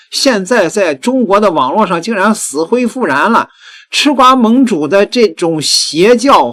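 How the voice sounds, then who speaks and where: A man with a high, animated voice gives online commentary in an emphatic, scornful way. His voice sounds dry and close. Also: no room sound.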